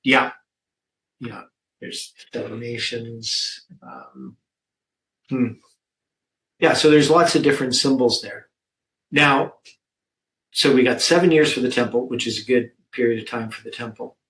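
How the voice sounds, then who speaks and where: A man's voice: mid-range voice, a little slow, long pauses, fairly bright tone, rough recording. A man leading a Bible study discussion, thinking aloud with many fillers and reading scripture verses aloud.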